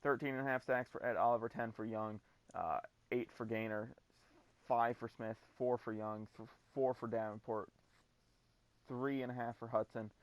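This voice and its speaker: A man's voice: mid-range voice, fairly even intonation, normal speed, no room sound. A man hosting a gaming video, talking through his football-game season in a laid-back, casual way and swearing now and then. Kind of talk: casual gameplay commentary.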